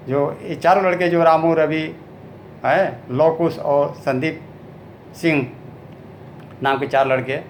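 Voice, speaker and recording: A Bhojpuri-accented man, a folk singer, tells a story in speech and between spoken passages draws out slow ballad verses in song. His medium-pitched voice is creaky, with slight background noise.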